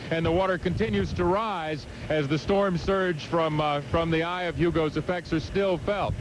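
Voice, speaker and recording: A man reporting live from outdoors in a storm, halting and raising his voice over the wind. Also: sits high. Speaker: field reporter. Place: outdoors in a hurricane. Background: loud outdoor storm ambience.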